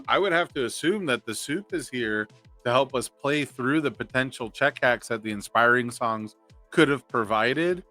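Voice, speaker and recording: A man provides live, analytical commentary on a card game tournament, reasoning aloud through every possible play. His voice is mid-range, and there's no room sound.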